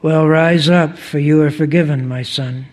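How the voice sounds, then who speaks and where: A man reading aloud the lines of a kindly, revered spiritual master who speaks gently but firmly. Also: a little high, fairly even intonation, normal speed, natural voice. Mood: gentle. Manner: gentle, firm.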